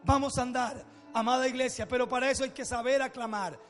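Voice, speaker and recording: A man's voice: extremely high pitch, steady tone, fast talker, a bit bright, soft background music. A man preaching a sermon to his congregation as pastor, emphatic and drawing out long lists of words. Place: church hall. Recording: long church reverb.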